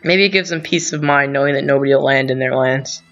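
A man talks through a strategy game, rambling and thinking aloud with frequent self-corrections. His voice sits at a middling pitch. The recording sounds dull and lo-fi, with faint music underneath. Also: fast talker, fairly bright tone. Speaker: gaming channel host.

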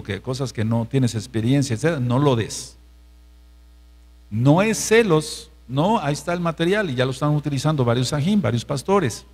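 A man's voice: mid-range voice, darkish tone. A man with a Mexican Spanish accent, a pastor teaching a sermon-style Bible study, who repeats phrases for emphasis and keeps asking his listeners if they follow. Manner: emphatic, repeats phrases, asks the congregation questions.

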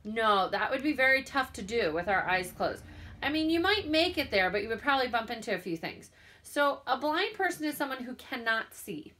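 Lady teaching little kids from home, slow clear voice, sounds out words, encouraging. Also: on the high side, expressive, sharp tone. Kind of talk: remote lesson for young children.

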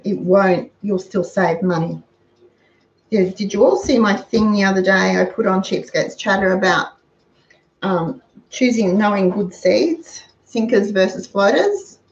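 A fixed camera across the counter records an older woman with an Australian accent as she cooks in her home kitchen, chatting and passing on practical ways to save money for her frugal cooking channel. Her mid-range voice is a little mellow, and the roomy, dull lo-fi recording carries slight hiss or hum.

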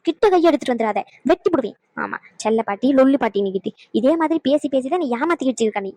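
A woman voicing a sharp-tongued elderly village grandmother in a cartoon, scolding in a quick, fiery way. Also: sits high, expressive, no echo. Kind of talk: cartoon voice acting.

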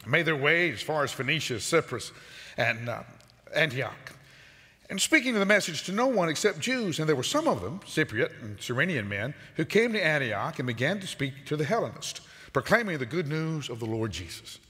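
Bright-voiced older pastor in a large sanctuary. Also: male voice, fairly high pitch, moderate pace. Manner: animated preacher, gesturing while pacing the stage. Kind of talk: sermon. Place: large church auditorium. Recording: long reverb of a large sanctuary.

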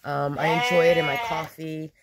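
A woman in her thirties filming herself on a phone at an outdoor farm pen, talking in a relaxed, unhurried way with many ums and restarts while goats and sheep bleat around her. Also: deep voice, over a noisy crowd. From Panama. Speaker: farm vlogger. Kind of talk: casual vlog walkthrough. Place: outdoor farm, open-sided animal pen. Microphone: phone held at arm's length. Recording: loud bleating animals and outdoor noise. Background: goats and sheep bleating loudly.

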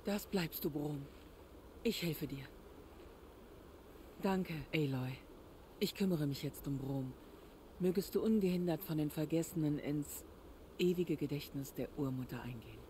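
An actress voicing a caring, protective sister in a game, speaking earnestly and soothingly. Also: female voice, sits low, unhurried, long pauses, mellow, a little hiss or hum. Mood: gentle.

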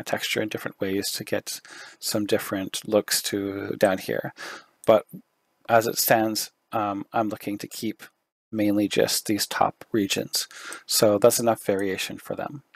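With a low, gravelly voice that's turning hoarse, this 3D artist casually narrates a screen-captured software walkthrough, thinking out loud and using plenty of fillers. He's clearly losing his voice and clears his throat at times. There's no reverb on the dry recording.

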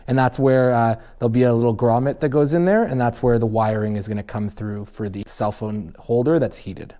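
A young man in a garage workshop casually shows viewers how to install a snowmobile accessory, step by step. He talks plainly and relaxed, a little fast, at medium pitch, with lots of fillers.

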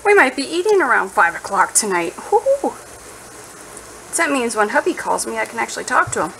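Talking a little fast with vocal fry, this woman has a fairly bright, high-leaning voice and is very animated. She cooks in her home kitchen for a vlog, thinking aloud in a playful, informal chat while food sizzles noisily.

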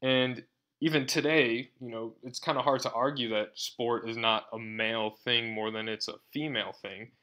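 A man's voice: mid-range voice, steady tone, normal speed, bright, forceful tone. A man giving a university lecture in a conversational way, often checking in with "right?" and using a sarcastic tone. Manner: conversational, frequent tag question "right?".

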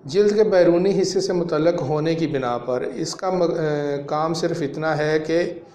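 A man's voice: on the high side, warm tone, a little hiss or hum. Man explaining a remedy in an echoey room. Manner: explanatory, measured, with frequent fillers. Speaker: homeopathic practitioner. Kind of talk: educational talk to camera. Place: small indoor room.

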